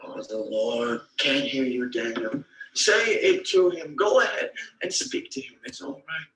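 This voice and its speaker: A man's voice: mid-range voice, sing-song, a little slow, vocal fry, a bit bright, heavily acted. An actor playing a fervent young male preacher who commands and rants at a sinner in a film drama. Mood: commanding. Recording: echoey room in a film clip.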